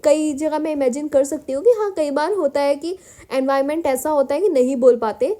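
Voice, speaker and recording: A woman's voice: sits high, fairly quick, mellow. A woman from India teaching spoken English in a Hindi-English mix, encouraging and addressing viewers as her children. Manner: mixes Hindi with English phrases. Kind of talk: Hindi-English mixed lesson.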